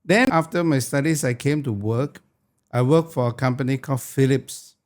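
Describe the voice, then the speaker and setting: Older male guest, 70s, from Malaysia; calm, measured, plainly worded answers. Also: medium pitch. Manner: measured, simple phrasing with short repeated clauses. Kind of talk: unhurried conversational interview.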